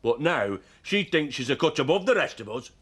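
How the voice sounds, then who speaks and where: With a sing-song, fairly bright voice and a breathy edge, a man speaks at a moderate pace as an actor in a TV soap drama. He plays a hostile, possessive man guarding his farmhouse, contemptuous and threatening, at times growling low.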